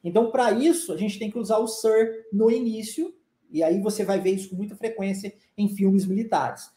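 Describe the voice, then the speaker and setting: A man's voice: high voice, normal speed, dark tone, echoey room. A man with a Brazilian Portuguese accent teaching an online language lesson, explaining patiently and checking in often with short questions. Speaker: English teacher.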